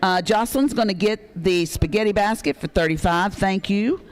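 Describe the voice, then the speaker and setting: A man's voice: sits high, normal speed, smooth. A man hosting a live charity auction, reading off bids and names in a folksy way with frequent fillers.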